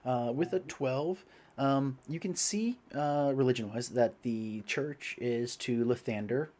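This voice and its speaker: A man's voice: medium pitch, unhurried, darkish tone. A young man narrating as game master, rambling with many fillers.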